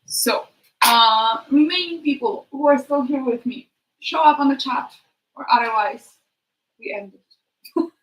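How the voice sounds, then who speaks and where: A woman chatting casually to her live stream while she cooks, thinking aloud in a halting way and trailing off. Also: fairly high pitch, fairly bright tone. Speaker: streamer hosting a live cooking chat. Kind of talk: casual chat while cooking. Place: kitchen, next to the sink. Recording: noisy kitchen with clicks. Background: cooking noises and clicks.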